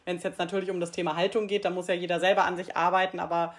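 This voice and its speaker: A woman's voice: fairly low pitch, flat delivery, racing. Chatty woman telling anecdotes. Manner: chatty, laughs while telling stories. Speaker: employee engagement team member, guest. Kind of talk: conversational interview talk.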